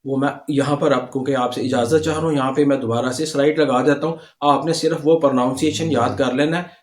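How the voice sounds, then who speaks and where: A man's voice: medium pitch, fairly even intonation, quick pace. Patient man teaching with slides. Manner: patient, repeats and explains step by step. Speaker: language teacher. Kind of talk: slide-based video lesson.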